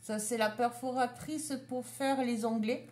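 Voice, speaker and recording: A woman's voice: a little high, steady tone, a little mellow, slight background noise. A woman chatting casually as she shows a craft haul, item by item. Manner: slow, chatty, showing items one by one. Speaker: craft vlogger.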